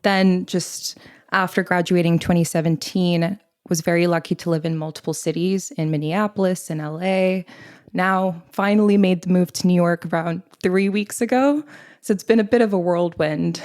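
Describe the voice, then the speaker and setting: Low-voiced young woman, earnest interview guest. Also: fairly even intonation, normal speed, a little mellow. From Thailand. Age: 20s. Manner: earnest, reflective, with many likes. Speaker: guest, literary editor. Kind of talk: conversational interview.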